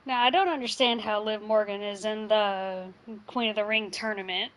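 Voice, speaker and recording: A woman's voice: mid-range voice, moderate pace, fairly bright tone, poor audio. A woman giving casual, blunt commentary while she plays a video game. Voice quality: chatty, blunt opinions. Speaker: gamer.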